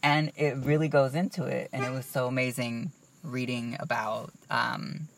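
Gravelly chatty young man, a bit distant. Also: medium pitch, little pitch movement, normal speed, fairly bright tone, a little hiss or hum. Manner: chatty, rambling, says "like" a lot. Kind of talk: casual chat.

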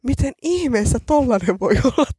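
A woman's voice: high voice, lively intonation, noisy background. A woman co-hosting a podcast, chatting casually and poking fun at herself. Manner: chatty, self-mocking. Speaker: podcast co-host. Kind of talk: casual chat.

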